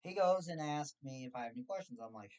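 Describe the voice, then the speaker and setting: A man's voice: a little high, quick pace. Sarcastic man telling scam stories. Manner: sarcastic, animated, mocking. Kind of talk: casual storytelling monologue.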